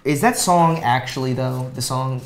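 A man's voice: medium pitch, normal speed, roomy sound. A man co-hosting a casual livestream, joking playfully while taste-testing food at home. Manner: playful, jokey. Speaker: co-host.

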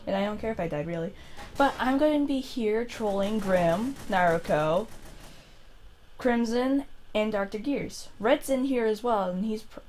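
A woman's voice: medium pitch, darkish tone. Woman talking over her game, chatty, explaining her prank plans, mid voice, faint hiss behind. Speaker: gameplay commentator. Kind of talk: casual gameplay narration.

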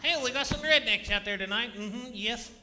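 Man voicing a high-pitched sassy pelican puppet. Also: moderate pace, sharp tone, heavily acted. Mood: cheeky. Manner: sassy, mocking, drawls "uh-huh, yes". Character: cheeky wisecracking male pelican puppet. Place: comedy theater stage. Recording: live theater with noisy crowd.

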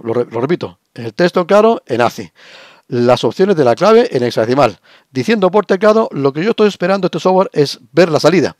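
A man's voice: on the high side, a little mellow, no echo, clean studio sound. Man teaching over screen share. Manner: explanatory, frequent rhetorical checks. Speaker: lecturer. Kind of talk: recorded screen-share lesson.

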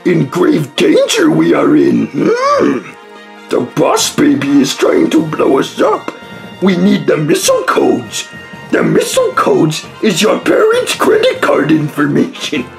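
A man's voice: a little high, wildly swooping pitch, measured pace, gravelly, faint music behind, heavily acted. A man doing an impression of an old little green alien master who speaks in inverted word order. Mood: scheming.

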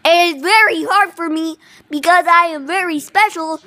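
A woman voicing a quirky, boastful little chin creature who gives slow, self-important instructions in a comic how-to skit. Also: extremely high pitch, sharp tone.

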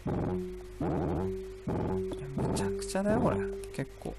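A young man chats his way through a video game, rambling to himself and exclaiming as he plays. His voice sits a little high and moves around a lot. Game music plays clearly underneath him. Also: lively intonation, measured pace. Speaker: gameplay commentator. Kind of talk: casual let's-play commentary.

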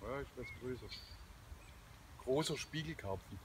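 A man in his forties, filming his own casual vlog while fishing at a pond and exclaiming excitedly as he lands fish. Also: mid-range voice, measured pace. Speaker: angler filming himself. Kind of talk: casual outdoor vlog commentary. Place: outdoors at a pond bank. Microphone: handheld camera, often set at a distance. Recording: outdoor camera audio with steady background noise.

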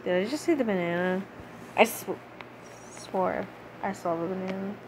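Playing a game, a young woman who hosts a gaming channel keeps up a playful, chatty commentary, sometimes breaking into sing-song chanting. She speaks at a moderate pace in a mid-range voice, with background noise behind her.

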